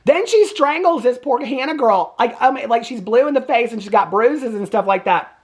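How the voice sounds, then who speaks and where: A woman casually recapping a movie to camera, sassy and chatty, acting out the characters' lines with big jumps in pitch. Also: expressive, normal speed. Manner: sassy and chatty, sarcastic asides. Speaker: movie reviewer.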